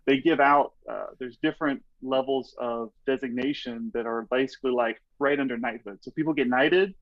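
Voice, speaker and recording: Casual male podcast guest, mid pitch, rambling storyteller, muffled dry mic. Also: fairly even intonation, moderate pace, no echo. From Texas. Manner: rambling, lots of "like" and "you know". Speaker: podcast guest, strength coach.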